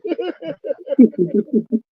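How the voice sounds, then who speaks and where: A man hosting a casual sports chat, excitable, stammering and repeating himself. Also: extremely high pitch, very slow, dull audio. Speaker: podcast host.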